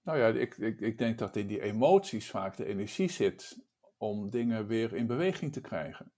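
A man of ordinary pitch leads a conversation about work and teams. He weighs his words and often restarts a phrase before finishing the thought. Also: lively intonation, moderate pace, darkish tone. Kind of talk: casual discussion.

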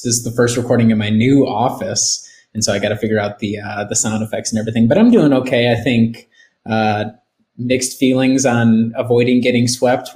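A man's voice: medium pitch, a little mellow. A man co-hosting a casual sports podcast, talking in an easygoing way from a new office with an echoey room sound. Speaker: podcast co-host. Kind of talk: casual chat.

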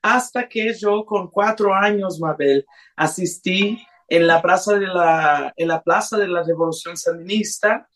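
A woman's voice: fairly low pitch, measured pace, fairly bright tone. Earnest woman singer. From Brazil and Honduras. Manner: earnest, restarts and hesitant fillers. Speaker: singer, interview guest. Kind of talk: personal storytelling in a radio interview.

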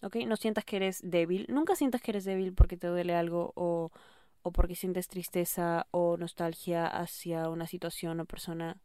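A woman hosting an advice podcast, speaking affectionately to the listener and often checking in with a quick question. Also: on the low side, steady tone, dark tone, smooth, no echo, studio quality. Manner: affectionate, calls listener "mi amor", keeps asking "¿ok?". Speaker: podcast host. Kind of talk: advice monologue.

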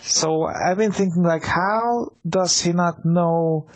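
A man co-hosting a casual sports talk show, his voice sitting a little high for a man. He rambles, circling back with fillers and restarts as he works through his thoughts. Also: slow pace. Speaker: podcast co-host.

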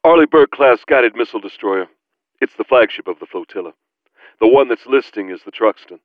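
A man voicing a patient, knowledgeable male companion who calmly explains things. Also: medium pitch, brisk, dry recording, muffled recording, voice pushed up, close to an everyday voice. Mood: explaining.

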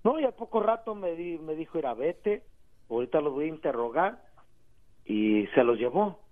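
A Mexican man calling into a radio show, telling a story in a slangy, animated way. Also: on the high side, normal speed. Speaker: caller. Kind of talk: casual phone-in storytelling. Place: phone call into a radio show. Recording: tinny phone line.

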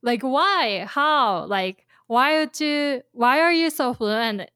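Woman teaching japanese, casual chatty explaining, lots of "like" and "um", slightly high voice. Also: expressive, takes it slowly, a bit bright, smooth, no room sound, studio quality. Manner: explains with imagined scenarios, many fillers. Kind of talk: casual language lesson chat.

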